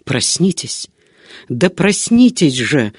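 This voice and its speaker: A woman's voice: low-pitched, sing-song, slow, husky, no room sound, studio quality, full character voice. A woman voicing a stern, impatient male monk who makes curt, menacing demands in a gothic audiobook. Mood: urgent.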